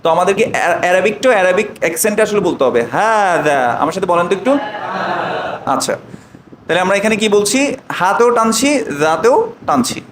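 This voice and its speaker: A man teaching an online Arabic lesson, drawing out slow model phrases and often asking the students check questions. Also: sits high, animated, fairly bright tone, roomy sound, a little hiss or hum, poor audio.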